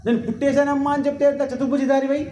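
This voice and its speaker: A man's voice: very high voice, flat delivery, rapid-fire, dark tone, slight background noise. A man voicing a royal mother who pleads with a god to be born as her baby, in a scolding, emphatic way. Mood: teasing. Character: queenly mother asking god for a baby son. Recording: echoey hall with faint ambience.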